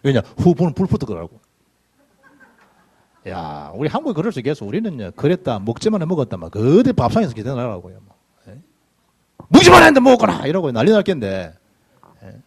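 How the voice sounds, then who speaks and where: A middle-aged pastor preaches in a church, sliding between loud bursts and low asides as his pitch rises and falls. His voice has a husky edge, and his storytelling is lively and full of dialect. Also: brisk, pauses often. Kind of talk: sermon with personal anecdotes. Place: church sanctuary.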